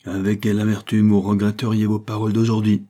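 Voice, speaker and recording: A man's voice: fairly low pitch, completely flat delivery, fast, mellow, natural voice. A man reading the part of a bitter, impassioned young lawyer husband in an audiobook, pleading and reproachful. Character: brooding young male lawyer, wounded husband.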